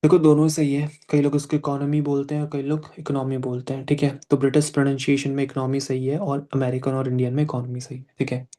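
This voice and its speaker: A man in his young adult years runs a live pronunciation class, switching between Hindi and English. He speaks in a mellow, fairly even voice. He stays patient and drags out words to show how they should sound. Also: medium pitch. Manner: patient, repeats words slowly to demonstrate sounds.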